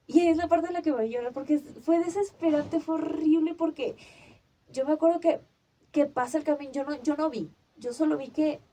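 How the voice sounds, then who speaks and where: A young woman, hosting a podcast and telling a personal story in casual chat, acting out her own cries and shouts as she goes. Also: sits high, a little fast, a little hiss or hum. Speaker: podcast host.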